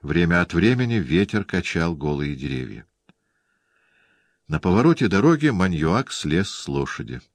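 Deep-voiced male audiobook narrator. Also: sing-song, moderate pace, no room sound.

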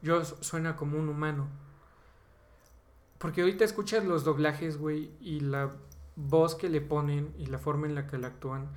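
A man's voice: fairly high pitch, fairly even intonation, normal speed. A man with a Mexican accent co-hosting a podcast, talking casually in an opinionated, emphatic, slangy way. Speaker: podcast co-host. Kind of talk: casual chat about voice dubbing.

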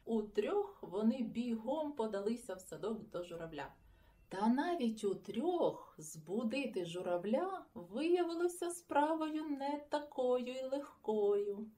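A woman reading a children's story aloud with an expressive, lively storytelling manner. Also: fairly high pitch. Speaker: audiobook reader. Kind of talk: children's audiobook narration.

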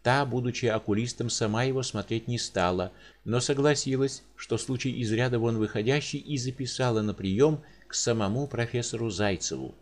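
A man narrating an audiobook in an expressive storytelling manner. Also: mid-range voice, normal speed, hardly any pauses.

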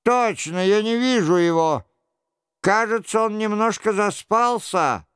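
A man's voice: high-pitched, a little slow, a bit bright, smooth, no room sound, clean studio sound, voice pushed up. A man reading an audiobook, voicing a cocky young Gascon nobleman who speaks scornfully. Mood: mocking. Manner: mocking, scornful.

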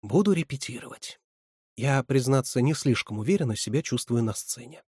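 A man's voice: mid-range voice, expressive, normal speed, a little mellow, slightly rough, dry recording, studio quality. A man doing a timid, hesitant teenage boy. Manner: hesitant, reluctant.

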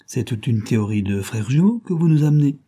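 A man's voice: medium pitch, lively intonation, fairly quick, warm tone, close to an everyday voice. Man voicing an insolent startled servant. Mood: mocking.

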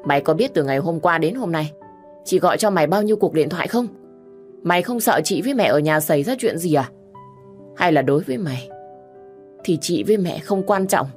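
A woman's voice: on the low side, animated, brisk, long pauses, darkish tone, soft background music, natural voice. A woman voicing a bossy, scolding older sister. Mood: pushy. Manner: nagging, scolding, harsh.

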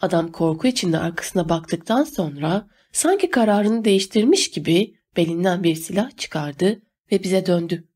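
A woman reading a novel aloud as an audiobook narrator, steady and measured. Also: lowish voice, breathy edge. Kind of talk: scripted narration.

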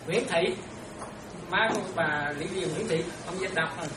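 Speaking at a moderate pace in a fairly low voice, a Buddhist nun teaches her disciples through a casual dharma talk, frequently making sure they're keeping up. The recording is roomy, distant and noisy.

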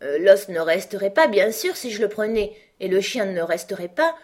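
A woman's voice: mid-range voice, expressive, moderate pace, a little mellow, voice pushed up, close to an everyday voice. A woman reading an audiobook, voicing an earnest, polite young girl who reasons things through carefully.

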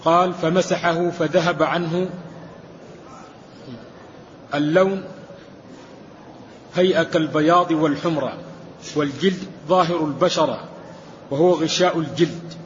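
A man's voice: fairly high pitch, slight background noise. Man reading a classical text aloud in a hall. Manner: steady measured recitation of the text. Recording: dull recording with long hall reverb.

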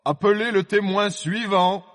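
A man's voice: sits high, fairly even intonation, unhurried, fairly bright tone, big-room sound. A man playing a pompous, peevish fairy-tale king presiding over a trial in a storybook audio drama.

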